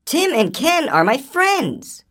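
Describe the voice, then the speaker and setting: Woman reader putting on a friendly boy spider, high and bouncy, storybook character. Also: sing-song, takes it slowly, fairly bright tone, heavily acted. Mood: urgent. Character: friendly male spider, eager and protective. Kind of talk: children's storybook reading.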